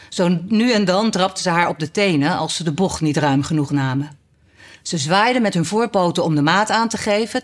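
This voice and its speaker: A woman reading a storybook aloud in calm, clear narration. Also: on the low side.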